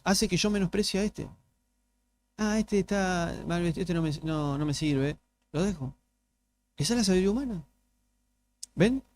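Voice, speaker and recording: A male pastor with a Rioplatense Spanish accent, preaching a sermon in a conversational way and often asking the congregation rhetorical questions. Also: on the high side. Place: church.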